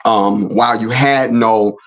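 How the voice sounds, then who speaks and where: A middle-aged man with a low voice hosts a casual faith talk show. He rambles, repeats himself and restarts his sentences. The recording sounds slightly dull and lo-fi. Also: steady tone, takes it slowly. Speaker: host.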